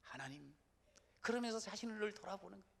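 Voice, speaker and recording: A man pastor preaching a sermon, moving from soft, slow prayerful lines to loud, shouted declarations. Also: high voice, lively intonation, vocal fry, slightly rough, big-room sound.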